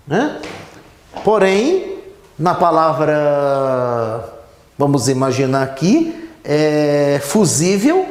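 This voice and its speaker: Teacher at a whiteboard, pitch jumps all over, roomy echo, keeps saying né. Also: a little mellow. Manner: explanatory, frequent "né?" tag questions, stretches words when writing. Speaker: Portuguese teacher. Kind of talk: whiteboard grammar lesson. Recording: echoey room.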